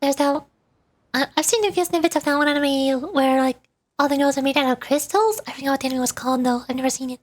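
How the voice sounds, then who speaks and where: High-pitched and quick, a woman VTuber streamer rambles playfully to her livestream viewers, often repeating words in casual chat. Background music plays throughout.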